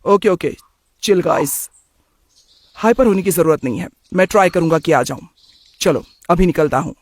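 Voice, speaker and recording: A man's voice: on the high side, animated, moderate pace, dry recording, clean studio sound. A man voicing a careless young office-going son who talks in a casual, dismissive way in a cartoon story. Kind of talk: cartoon voice acting.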